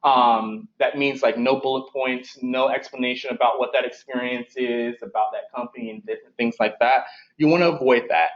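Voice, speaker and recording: Dull lo-fi recording; young male career advisor, mid-pitched, talking with braces, conversational workshop delivery with frequent rephrasing. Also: steady tone, fairly quick, echoey room. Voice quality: speech slightly impeded by braces. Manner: conversational, repeats and rephrases himself. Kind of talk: informal instructional presentation.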